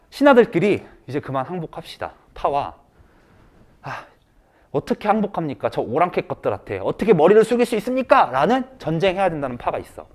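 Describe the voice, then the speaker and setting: Guy teaching history, tells it like a story, high voice that jumps all over. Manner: animated, acts out characters in quick asides. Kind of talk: casual storytelling lecture.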